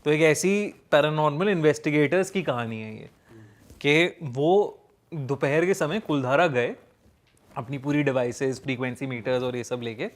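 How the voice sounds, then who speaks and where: A man casually telling a ghost story, pausing with fillers as he builds suspense. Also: mid-range voice. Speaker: storyteller guest.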